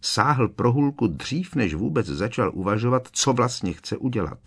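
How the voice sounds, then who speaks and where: A man's voice: mid-range voice, husky. Man reading a storybook aloud. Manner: expressive storytelling, voicing each character. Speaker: audiobook narrator. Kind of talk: scripted narration.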